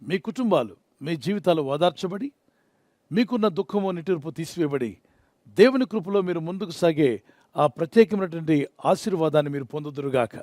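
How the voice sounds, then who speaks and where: A man's voice: fairly high pitch, animated, brisk, darkish tone, no room sound, clean studio sound. A man preaching a sermon, earnest and pleading, who leads the listeners in prayer. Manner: earnest, pleading, mixes in English phrases.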